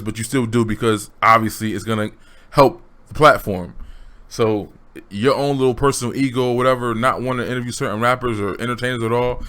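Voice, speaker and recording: Brief: man, mid-pitched, casual vlog commentary, blunt and slangy, talks straight to viewers. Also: fairly bright tone. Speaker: commentary vlogger.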